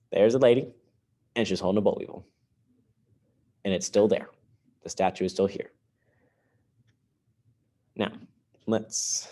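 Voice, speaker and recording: Lower-voiced man teaching kids music. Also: a little mellow. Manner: playful, explains step by step to children. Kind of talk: recorded online music lesson for kids.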